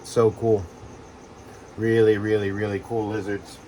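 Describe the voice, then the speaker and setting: A man who breeds reptiles talks casually in a vlog while handling geckos, with lots of fillers and soft reassurances to the animals. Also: lowish voice, level tone, a little slow, slight background noise. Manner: rambling, filler-heavy, coos softly to the geckos.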